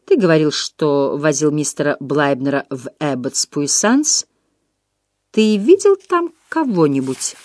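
A woman voicing a nervous, gentle young woman who speaks softly. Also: low-pitched, lively intonation, unhurried, no room sound, studio quality. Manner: soft, gentle.

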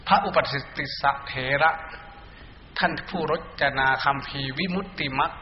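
A man's voice: fairly high pitch, unhurried. A male Buddhist monk giving a meditation dharma talk to monks and laypeople, blunt and colloquial, at times scolding and chanting Pali verses. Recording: muffled echoey hall recording, faint hiss.

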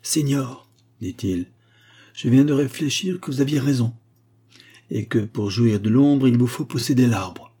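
A man's voice: mid-range voice, unhurried, mellow, breathy edge, voice pushed up. A man voicing a proud, impetuous young nobleman who speaks in a haughty, disdainful way.

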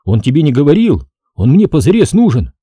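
A man's voice: fairly high pitch, huge pitch swings, fairly quick, dark tone, breathy edge, no echo, clean studio sound, pitched above the performer's own voice, exaggerated voice. A man doing a brash young soldier. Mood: agitated. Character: blunt young soldier son.

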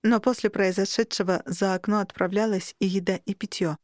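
A woman's voice: mid-range voice, steady tone, brisk, a little mellow, dry recording, studio quality. Emotional woman reading a novel aloud. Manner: emotional, rising sharply in distress. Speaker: audiobook narrator. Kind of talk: first-person novel narration.

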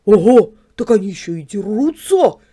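A woman's voice: mid-range voice, expressive, a little slow, mellow. A woman voicing a naive, simple male yard dog who keeps asking puzzled questions, read as a storybook character.

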